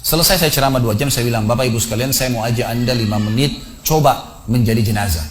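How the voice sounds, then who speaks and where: A male preacher telling a story in a sermon, swinging from hushed tones to loud pleading. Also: medium pitch, fast. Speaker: Islamic preacher.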